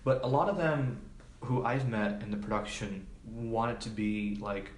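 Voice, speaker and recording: A film production assistant appears as a podcast guest, speaking at a measured pace in a fairly low voice. His manner is casual, informal and hesitant, with many filler words. The room is echoey and has background noise.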